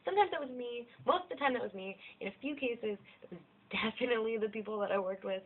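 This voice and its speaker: Wanita muda Amerika bercerita blak-blakan, suara cempreng lo-fi. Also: female voice, fairly high pitch, fast talker. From United States. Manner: candid and rambling, swears freely, self-deprecating laughs. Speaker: vlogger. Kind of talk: casual personal vlog monologue. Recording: tinny lo-fi narrow-band audio.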